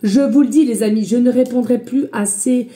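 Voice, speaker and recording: Loud, warm-voiced psychic woman. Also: fairly high pitch, moderate pace. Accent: a slight accent she mentions. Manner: loud voice, by her own account; chatty, hesitant, addresses viewers as friends. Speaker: psychic medium giving a reading. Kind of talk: casual spiritual guidance vlog.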